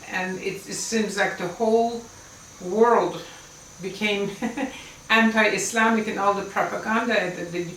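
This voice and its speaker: This is a personal storytelling talk by a woman in her seventies, an Islamic lecturer whose mother tongue is Farsi. Her voice is medium-pitched and a bit bright, earnest and emphatic, broken by small laughs. The audio is roomy and distantly miked, with faint ambience and a little hiss or hum.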